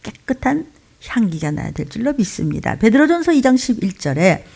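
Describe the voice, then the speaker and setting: Fervent woman pastor, lively high voice. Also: a little fast, gravelly, slightly rough. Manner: fervent, swings between loud cries and hushed asides. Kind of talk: impassioned Friday night sermon. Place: church.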